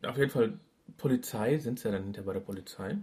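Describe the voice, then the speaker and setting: A man's voice: fairly low pitch, fast talker, darkish tone, a little hiss or hum. A man co-hosting a casual podcast chat, talking with frequent fillers and restarts. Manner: chatty, hesitant with fillers and restarts. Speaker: podcast co-host. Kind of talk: casual chat reviewing a radio play.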